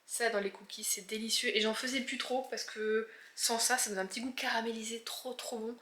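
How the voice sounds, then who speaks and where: Bright-voiced chatty woman with a northern French accent. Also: on the high side, fairly quick. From northern France. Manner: chatty, animated, many fillers. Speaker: book vlogger. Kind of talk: casual vlog chat.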